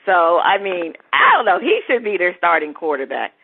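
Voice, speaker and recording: A woman's voice: lowish voice, huge pitch swings, moderate pace, creaky, a little hiss or hum. Casting: female sports-talk host, chatty, laughs easily, narrow phone-line sound. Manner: chatty, laughs easily, searches for names aloud.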